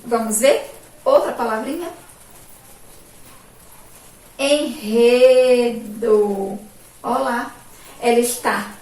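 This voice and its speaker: Brazilian woman teacher from Sergipe, slow and emphatic with children, slightly high voice, echoey room from a distance. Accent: Brazilian Portuguese, Sergipe. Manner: slow, drawn-out, emphatic syllables with frequent "ó" and "olha aqui". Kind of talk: remote school lesson for children. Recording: echoey room from far off, faint background noise.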